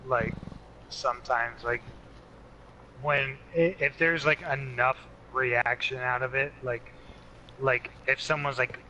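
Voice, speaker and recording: Bright-voiced rambling man in his twenties. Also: medium pitch, muffled recording, a little hiss or hum. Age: 20s. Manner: rambling, fills with "like". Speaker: podcast co-host. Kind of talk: casual chat.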